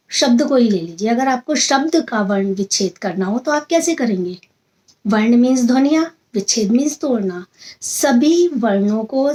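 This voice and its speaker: A woman giving a slow, patient Hindi grammar lesson, drilling sounds aloud and mixing in English words. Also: on the high side, darkish tone, low-quality recording. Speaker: Hindi and Sanskrit teacher.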